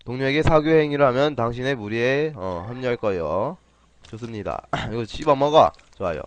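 A man casually commentating his own game play on a live stream, playful and chatty, often clearing his throat. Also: medium pitch, expressive, brisk, no echo. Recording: faint game music behind.

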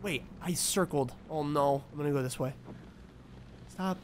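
A man's voice: fairly high pitch, fairly quick, slight background noise. A man in his twenties giving casual live commentary on a horror game, jittery, repeating himself and swearing. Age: 20s. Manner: jittery, muttering to himself, repetitive, profane. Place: small indoor room, seated at desk.

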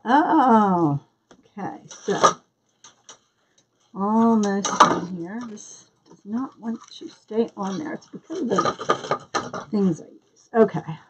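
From the Philadelphia area, a woman with the local accent hosts a live-stream craft demonstration, chatting and greeting viewers by name as she works. Her mid-range voice is slow, with long pauses, and the poor audio carries slight background noise.

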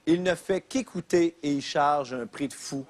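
A man hosting a TV comedy game show, teasing guests and announcing them loudly. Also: a little high, moderate pace. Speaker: host.

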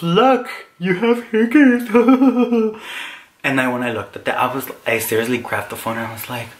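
A young man vlogging, telling a story in an animated, dramatic way with sudden squealing exclamations. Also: medium pitch. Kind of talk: casual storytelling.

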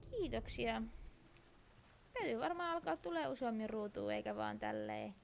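A woman's voice: fairly high pitch, expressive, a little hiss or hum. A Finnish woman streaming a video game, chatting casually and answering her viewers' chat as she plays. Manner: chatty, reads and answers chat while playing. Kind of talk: casual let's-play chat. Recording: clear game sound behind.

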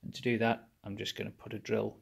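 A man walks through a repair step by step in a husky, gravelly voice. His delivery stays flat and even, with small pauses and fillers as he works. It sounds like a phone recording in a workshop. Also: fairly low pitch. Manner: plain step-by-step explaining with fillers. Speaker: engine rebuilder. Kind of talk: workshop how-to narration. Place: indoor workshop bench.

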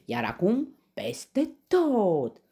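A woman voicing a bold, clever young male meerkat in a storybook, speaking calmly and confidently. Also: extremely low pitch. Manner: calm and confident.

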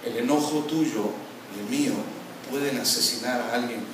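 A male pastor preaching an animated sermon with a Latin American Spanish accent, sometimes mimicking quarrelling voices. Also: mid-range voice, normal speed. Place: church hall. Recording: very echoey hall, from far off, noisy.

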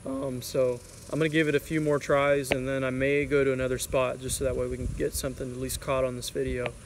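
A young man in his twenties talks into a phone camera held at arm's length while fishing beside a creek. His talk is relaxed and rambling, full of fillers. Traffic and road noise hum clearly behind him. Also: mid-range voice, quick pace. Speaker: fishing vlogger. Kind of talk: casual outdoor vlog. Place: outdoors by a creek under a highway overpass. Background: traffic and outdoor ambience.

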